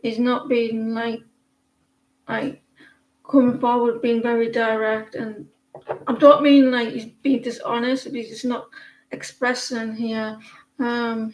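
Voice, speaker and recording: Over a rough recording, a slightly high, darkish-toned woman in her forties from northeast England talks through a tarot reading. Her northeast English accent carries a casual, meandering delivery full of fillers and restarts.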